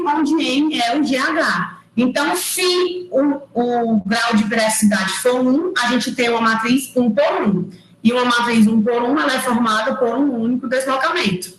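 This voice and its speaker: A woman lecturer giving an online engineering class, explaining step by step and checking in with quick tag questions. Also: fairly high pitch, echoey room, low-quality recording. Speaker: university lecturer. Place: room at home or office, recorded over a digital platform. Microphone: computer mic on a video call.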